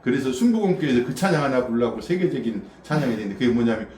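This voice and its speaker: Lively man preaching in a roomy hall. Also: mid-range voice, rapid-fire. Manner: chatty, asks the listeners questions, laughs often. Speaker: pastor. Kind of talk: casual sermon to a small congregation. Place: small church room. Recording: roomy echo from a distant mic with faint background noise.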